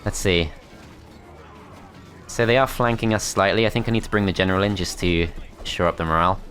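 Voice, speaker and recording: A man's voice: deep voice, a little fast, fairly bright tone, faint music behind. A man commentating his strategy game as he plays, thinking aloud in a tentative, self-critical way. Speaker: gameplay commentator.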